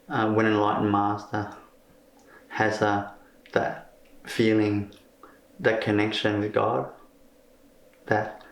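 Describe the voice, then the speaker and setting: A man from Vietnam who answers interview questions haltingly, searching for his words. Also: fairly low pitch. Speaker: crystal healer being interviewed. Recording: roomy echo.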